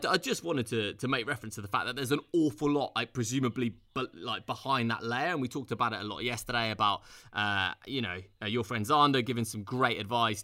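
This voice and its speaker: Man, podcast co-host, bright forceful tone, rambling with restarts. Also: medium pitch. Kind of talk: casual podcast chat.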